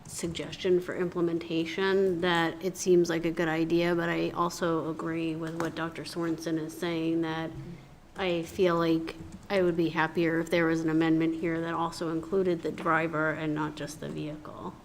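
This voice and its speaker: A woman on a school committee, giving her view in a measured, hesitant way. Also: sits low, flat delivery, a little hiss or hum, low-quality recording. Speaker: committee member. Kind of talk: meeting discussion.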